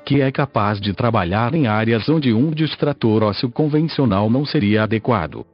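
A synthetic text-to-speech man's voice with a Brazilian accent, reading a scripted podcast narration in a mechanical, measured way. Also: mid-range voice, muffled recording. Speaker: podcast host.

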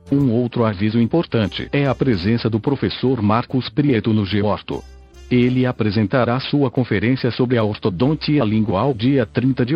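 An old-style text-to-speech man with a Brazilian accent narrates a podcast article in a stiff, mechanical way. His mid-pitched voice is rough-edged rather than clean. The audio is dull and lo-fi, with soft music underneath. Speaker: podcast host. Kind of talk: scripted narration, reading an article aloud.

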